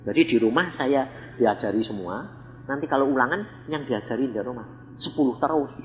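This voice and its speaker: A man's voice: mid-range voice, moderate pace. An older man with a Javanese accent, an evangelist telling a testimony in a sermon, blunt and acting out the voices in his stories. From Central Java, Indonesia. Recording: reverberant hall, dull lo-fi sound.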